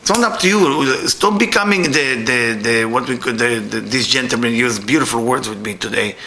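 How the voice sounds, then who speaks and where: In an echoey room, a middle-aged man with an Israeli accent delivers a spiritual lecture to a live audience at normal speed and in a sharp tone. His grammar is non-native, and his voice jumps up high whenever he acts out what other people said.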